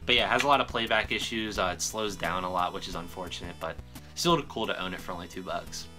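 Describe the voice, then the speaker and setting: Music plays behind this young adult vlogger as he speaks quickly in a low-pitched voice. Sitting in a small room at home, he walks the camera through his music collection in a loose, profane show-and-tell.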